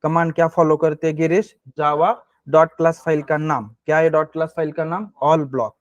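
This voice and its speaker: High-pitched guy w ish teaching a coding class, keeps quizzing students by name, dry close sound. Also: steady tone, normal speed, dry recording, lo-fi sound. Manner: quizzes students by name, repeats key points with rhetorical questions. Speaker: programming instructor. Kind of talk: live classroom lecture.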